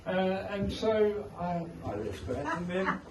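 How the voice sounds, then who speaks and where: A South African author speaks informally to a crowd at his book launch, spinning wry, meandering anecdotes. His voice sits high, animated yet slow. The indoor art gallery setting makes the recording echoey, distant and noisy.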